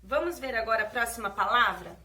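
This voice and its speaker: A Brazilian woman teacher talking slowly and gently to small children, drawing out her words. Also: fairly high pitch, expressive, distant mic, very noisy. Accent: Brazilian Portuguese. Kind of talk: children's lesson.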